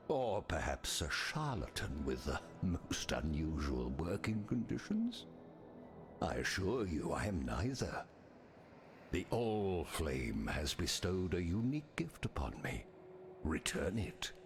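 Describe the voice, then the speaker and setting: An actor voicing a pompous, theatrical, melancholy ghost of a marooned sea captain in a video game, with florid delivery and breathy endings. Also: male voice, deep voice, heavily acted. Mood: theatrical, courtly. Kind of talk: scripted video game character dialogue.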